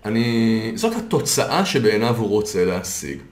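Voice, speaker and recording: A man's voice: lowish voice, big pitch swings. A man coaching on a podcast, patiently explaining ideas through worked examples. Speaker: coach and consultant. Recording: roomy echo.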